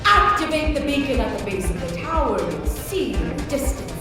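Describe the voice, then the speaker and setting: Booming female arena announcer over a PA. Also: sing-song, recorded from a distance. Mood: showman hype. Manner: theatrical, drawn-out showman announcing. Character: showy female arena announcer hyping a deadly race. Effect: over a PA system. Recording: echoey PA voice heard from afar over music.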